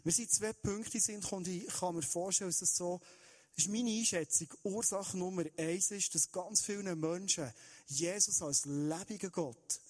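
A man's voice: high-pitched, darkish tone. A man, preaching an Easter sermon in an earnest way and speaking straight to his listeners. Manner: earnest, direct address to listeners, shifting pace.

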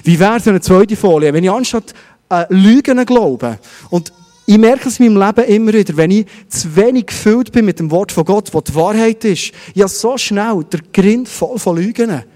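Swiss German male pastor, middle-aged, mellow sermon tone, long church reverb. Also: sits high, lively intonation, normal speed. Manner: preaching in rhetorical questions.

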